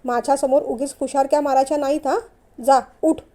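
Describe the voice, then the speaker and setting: Lady doing strict but loving mom-in-law, scolds firmly, high mellow voice. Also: steady tone, fairly quick, close to an everyday voice. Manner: firm, scolding. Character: middle-aged mother-in-law, stern but caring.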